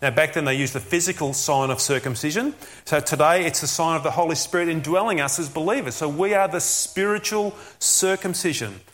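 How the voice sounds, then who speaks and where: A man's voice: on the high side, fairly quick, few pauses, fairly bright tone. A man preaching a sermon as a pastor, earnest and emphatic, often asking rhetorical questions.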